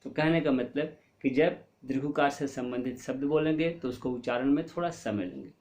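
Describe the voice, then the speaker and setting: A male teacher explaining a Hindi spelling lesson to young pupils, asking questions and answering them himself, and drawing out words slowly to show how they sound. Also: medium pitch, a little mellow, lo-fi sound. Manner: explains patiently, asks and answers his own questions; stretches and stresses words to show pronunciation. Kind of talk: online class lesson.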